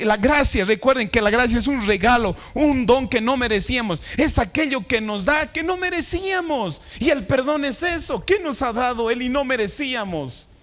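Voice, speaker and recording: A man's voice: extremely high pitch, fairly bright tone. A man preaching a sermon as pastor, reading scripture and asking the congregation questions.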